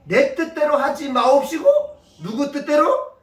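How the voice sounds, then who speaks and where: A man voicing Jesus crying out slowly in anguish, heard from afar in an echoing church. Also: extremely high pitch, sing-song, pitched above the performer's own voice, exaggerated voice. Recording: echoey church from a distance.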